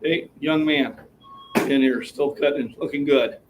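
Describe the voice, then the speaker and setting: A chatty man in his sixties talks to his live chat from a gym floor, a bit winded between sets. His mid-pitched voice comes from a camera set back from him, with a faint hum of the room behind. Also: steady tone, measured pace. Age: 60s. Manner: chatty, talks while catching his breath. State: slightly out of breath. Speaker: fitness livestream host. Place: gym, indoors. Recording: distant mic with faint room noise.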